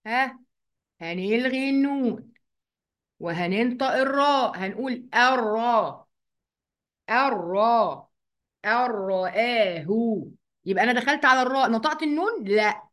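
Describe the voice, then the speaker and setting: A woman with an Egyptian accent teaching an online Quran recitation lesson. She explains each rule step by step, asks the class questions, and draws the recited words out slowly. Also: high voice, expressive, a bit bright. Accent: Egyptian Arabic. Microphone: computer mic, writing with a mouse.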